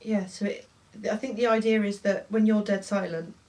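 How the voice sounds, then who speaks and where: A woman's voice: medium pitch, steady tone, moderate pace, darkish tone. A woman working as a paranormal investigator, talking informally as she tries out phone apps. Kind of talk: casual chat while testing phone apps. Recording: clear background noise.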